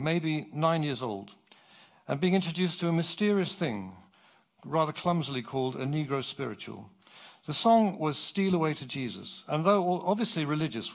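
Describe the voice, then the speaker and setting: A middle-aged man from England, giving a public lecture from his script on a theatre stage. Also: on the high side. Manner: animated, clear and measured.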